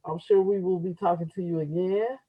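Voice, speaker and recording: A woman's voice: fairly low pitch, steady tone, fairly quick. A woman hosting an open mic with casual introductions, sometimes stumbling over words she reads out and repeating them. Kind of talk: casual live event introductions. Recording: dull lo-fi live event audio.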